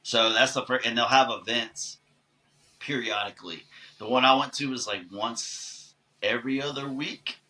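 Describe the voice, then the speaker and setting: A man who is an actor, answering podcast questions in a relaxed, chatty and long-winded way. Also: medium pitch, normal speed, poor audio. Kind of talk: casual podcast conversation.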